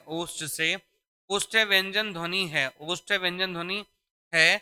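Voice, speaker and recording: In this exam-prep classroom, a man drills Hindi grammar, repeating key phrases and quizzing students he addresses as "beta." His voice is high and sharp, and the sound is clean.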